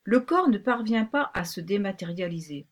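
A woman's voice: medium pitch, animated, lightly acted. A woman voicing a bossy pink rabbit. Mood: brisk. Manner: brisk, commanding, secretive. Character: bossy talking male pink rabbit guide.

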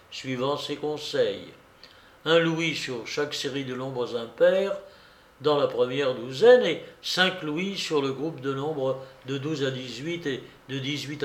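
A man narrating a classic novel in a measured, deliberate storytelling manner. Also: medium pitch. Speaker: audiobook narrator. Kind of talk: scripted literary narration. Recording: roomy echo.

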